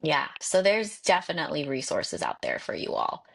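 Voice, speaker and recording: Woman host, deep voice, affirming and chatty. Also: wildly swooping pitch, moderate pace, gravelly, fairly bright tone, a little hiss or hum. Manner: affirming, with frequent agreeing murmurs. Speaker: podcast host. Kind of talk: interview talk.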